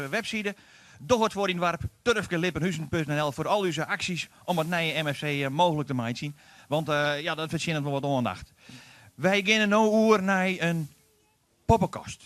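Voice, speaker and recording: A man's voice: fairly high pitch, a little fast, dry recording. Male TV presenter. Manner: relaxed, enthusiastic links between items. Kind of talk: live village television presenting.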